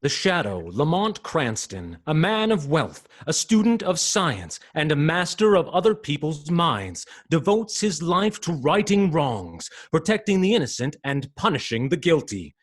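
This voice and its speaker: A man plays the dramatic narrator of an old radio mystery. His voice is fairly high and rough-edged, delivering scripted lines with portentous emphasis. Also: very animated, measured pace, hardly any pauses. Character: dramatic male narrator of vintage mystery serial.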